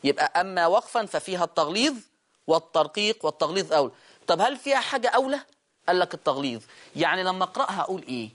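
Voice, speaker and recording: An Egyptian man leads a recitation lesson. He keeps questioning his students, answering himself and repeating key words. He slows down to sound out each word. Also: high-pitched, animated, fairly bright tone. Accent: Egyptian Arabic. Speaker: Quran recitation teacher. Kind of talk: lesson explaining recitation rules.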